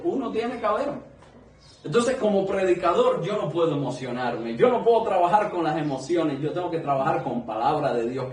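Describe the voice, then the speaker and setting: A man's voice: a little high, darkish tone, slight background noise. A man preaching a sermon to a small congregation, earnest and conversational, asking many rhetorical questions. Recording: echoey room, mic at a distance.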